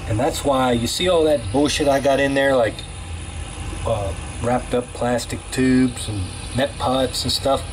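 A man's voice: mid-range voice, background noise. A man casually vlogging off the cuff, rambling in a folksy way with lots of fillers, filmed indoors at home on a handheld camera. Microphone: handheld camera mic.

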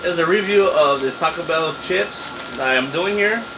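A man in his thirties with a slightly high voice reviews snacks casually. He is chatty and halting, talking as he eats crunchy chips. A phone picks him up in a small bedroom with a clear steady hum behind him. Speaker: food review vlogger. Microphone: phone at arm's length or propped nearby. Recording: noisy room with steady background hum.

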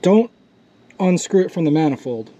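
A man with a slightly high voice talks through a hands-on repair in a casual, matter-of-fact way. He speaks outdoors into a camera microphone. A faint hiss of open air sits behind him. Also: lively intonation, normal speed, mellow, lo-fi sound. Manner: casual, step-by-step, swears when frustrated. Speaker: DIY mechanic host. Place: outdoors beside a jet ski.

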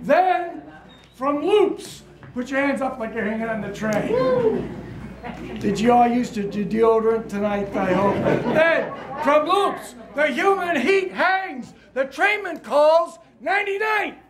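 A man's voice: very high voice, sing-song, takes it slowly. An older man, a performance poet, chanting and leading a crowd in call-and-response in a gallery room, recorded by a far camera. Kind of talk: interactive spoken-word performance. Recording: echoey room, crowd noise.

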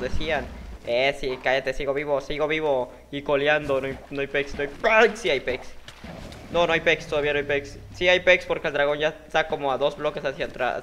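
Excitable young Mexican gamer. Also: male voice, a little high, a little hiss or hum. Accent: Mexican Spanish. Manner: excitable, yelps and curses at near misses. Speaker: gaming YouTuber. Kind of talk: live gameplay commentary.

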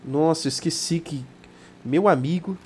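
A man with a Brazilian Portuguese accent hosting a let's play, joking and yelling during firefights and haltingly reading mission text aloud. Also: a little high, slight background noise. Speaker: gaming channel host.

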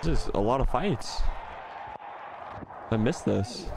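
A man's voice: mid-range voice, expressive, slow, gravelly. A young man giving casual, slangy reaction commentary to sports clips through a gaming headset. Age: young adult. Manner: slangy, bro-ish talk. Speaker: reaction video host. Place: indoors at a computer. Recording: game clip noise behind voice.

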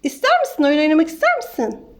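A woman's voice: sits high, huge pitch swings, quick pace. A woman at home talking to her cat in coaxing baby talk, cooing and sing-song.

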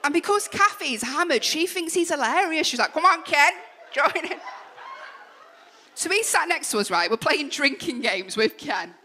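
A young Mancunian woman tells stories in a live stand-up set, her voice high and bright as she fires off quick asides. She speaks into a stage mic, with the audience laughing and faint room noise around her. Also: very animated. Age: young adult. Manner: chatty, storytelling, quick asides. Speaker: stand-up comedian. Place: comedy club stage. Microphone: stage microphone.

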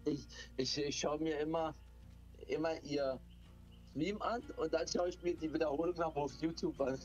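A man's voice: a little high, steady tone, normal speed, lo-fi sound. A man chatting casually with friends in a gaming voice chat. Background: faint music.

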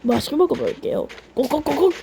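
A woman playing a game on camera, yelling and cursing while acting out lines for the characters in her match. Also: high voice, wildly swooping pitch, fast talker, gravelly, background noise. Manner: shouty, swears, switches between playful role-play and yelling. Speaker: gaming YouTuber. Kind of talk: excited gameplay commentary with role-play voices.

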